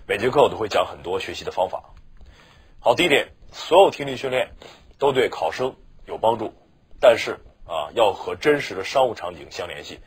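Man, teacher, exam-prep lecture, husky, breathy, deeper voice, chatty. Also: animated, brisk. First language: Mandarin Chinese. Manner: chatty, keeps asking "是吧" for agreement.

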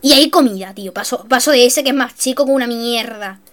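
A young woman giving excitable, self-mocking gameplay commentary, swinging between shrieks and mutters. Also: a little high, a little fast, heavy background noise. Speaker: gaming youtuber.

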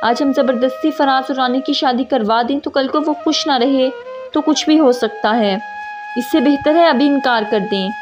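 Woman narrator as a measured, reasonable father, high voice, muffled audio, music. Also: lightly acted. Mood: calm.

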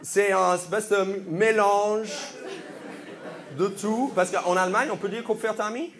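At a comedy venue, a stand-up comedian with a high voice works the crowd, speaking a little slowly as he fires playful, incredulous questions at audience members. Crowd and room noise fill the recording.

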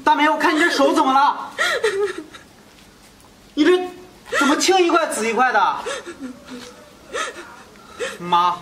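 A man's voice: very high voice, big pitch swings, measured pace, pauses often, a crowd in the background, exaggerated voice. An actor playing an earnest young husband who pleads with his wife and reproaches his mother, repeating his questions. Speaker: husband returning from work away.

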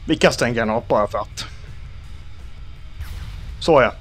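A young Swedish man hosting a let's play, joking about himself and yelling in panic at enemies. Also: medium pitch, faint music behind. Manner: jumpy, self-mocking, shouts in panic at enemies. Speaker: gaming channel host.

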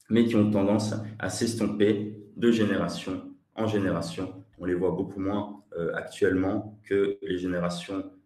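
A man's voice: on the low side, dark tone, roomy sound, far from the mic. A man from Switzerland with a Swiss French accent, teaching an online webinar lesson, hesitant and repeating his words as he answers the chat.

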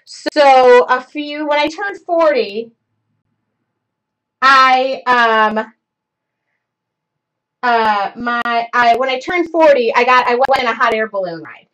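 This craft show host, a woman in her 40s, speaks slowly with frequent pauses in a fairly high, slightly bright voice. She rambles and stops herself mid-thought during a live demo from her home studio, recorded through a webcam in front of her with dull lo-fi stream sound.

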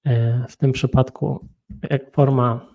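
Polish man, Polish accent, English lesson, slow, gravelly, feeling unwell. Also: mid-range voice, level tone, lo-fi sound. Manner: slow, thinking aloud with frequent hums. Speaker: English teacher. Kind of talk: solo grammar and pronunciation lesson.

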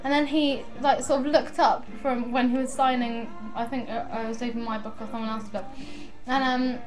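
A young woman talks straight to her camera in a casual vlog, her voice pitched high and bubbling with giggly, rambling excitement. Faint music hums underneath. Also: moderate pace. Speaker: vlogger.

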